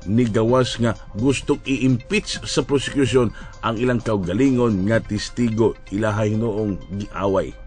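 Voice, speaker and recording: A man's voice: fairly low pitch, fairly even intonation, measured pace, a little mellow, soft background music. Cebuano-accented man giving news commentary. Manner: wry, addresses listeners as friends. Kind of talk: broadcast commentary.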